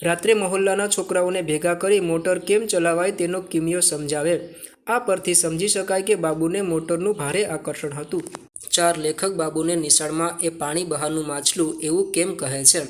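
A man with a Gujarati accent reads textbook questions and their answers aloud, in a steady question-and-answer manner, as a teacher. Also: fairly high pitch, moderate pace.

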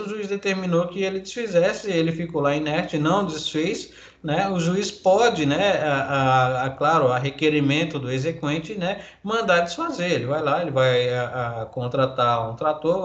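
Reading legal articles aloud during an online lecture, a law professor with a Brazilian Portuguese accent explains them at a moderate pace in a fairly high voice, leaning on many fillers and tag questions. The audio is lo-fi call quality, dull and echoey.

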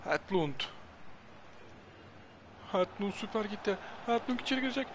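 Animated high-pitched young man, gaming commentary. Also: normal speed. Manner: repeats phrases urgently. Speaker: gaming streamer. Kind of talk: excited live football game commentary. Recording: clear game crowd noise behind.

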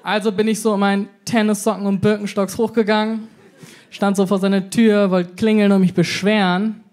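A brash man in his twenties does stand-up on a comedy club stage before a live audience, slangy and acting out the voices he quotes. His voice sits high and is darkish in tone, level, at a moderate pace.

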